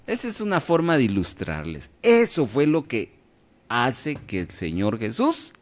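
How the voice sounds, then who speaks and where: A man's voice: mid-range voice, big pitch swings, measured pace. A man leading a radio Bible class, quizzing his listeners and checking in often to see that they follow. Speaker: Bible study teacher.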